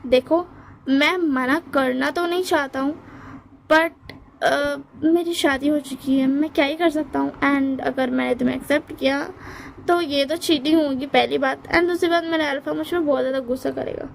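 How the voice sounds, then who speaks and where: A woman voicing a soft-hearted young male office worker who talks in a gentle, reassuring way. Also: high-pitched, fairly even intonation, normal speed, vocal fry, a little hiss or hum, rough recording.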